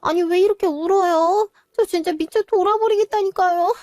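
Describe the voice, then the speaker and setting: A woman's voice: sits high, expressive, measured pace, no room sound, studio quality. A woman voice actor playing a whiny, exhausted young new mother in a Korean audio drama.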